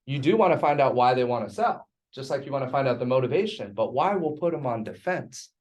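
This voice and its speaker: A man's voice: medium pitch, animated, fast talker. A man teaching a real estate sales class in an emphatic, teasing way.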